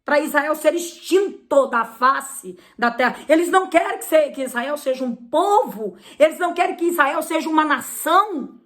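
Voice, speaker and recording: A Brazilian woman preacher delivers a sermon in a high, bright voice. Her delivery is emphatic, driven by rhetorical questions that she answers straight away. Her Brazilian Portuguese accent is clear throughout. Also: animated, moderate pace.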